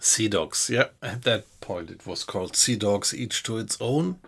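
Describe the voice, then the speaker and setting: Slow, low-voiced man streaming. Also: creaky, a bit bright, slightly rough. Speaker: game streamer. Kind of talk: casual live-stream chat while playing. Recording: background noise with keyboard typing.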